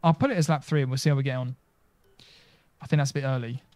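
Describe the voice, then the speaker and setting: A man's voice: mid-range voice, fairly even intonation, fast, a little mellow, dry recording. A young man commentating live over a racing game, chatty and bantering with the game voices. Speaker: gaming streamer.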